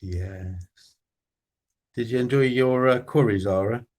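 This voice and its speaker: A man hosts a relaxed evening live stream and chats with viewers. He greets each one by name in a friendly, easygoing way, at a middle pitch. His talk is loose and unhurried. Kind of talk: casual chat with live chat viewers.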